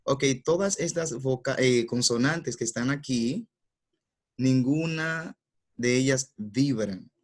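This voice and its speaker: A male teacher giving a pronunciation lesson at a calm, slow pace, with a mid-range voice. He repeats each sound twice, slowly and deliberately, and walks through every rule patiently. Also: medium pitch. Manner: patient, explains step by step.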